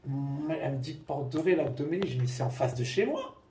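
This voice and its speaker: A man's voice: on the high side, lively intonation, fairly quick, mellow. A man giving a personal testimony to a congregation, acting out the dialogue with many fillers. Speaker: church member giving a testimony. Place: congregation meeting room. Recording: echoey room, distant mic, faint noise.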